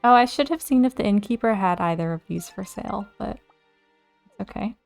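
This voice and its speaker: A woman hosting a let's play, chatting casually to herself as she plays, and easily excited. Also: mid-range voice, a little fast, gravelly, faint music behind. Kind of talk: casual gameplay commentary.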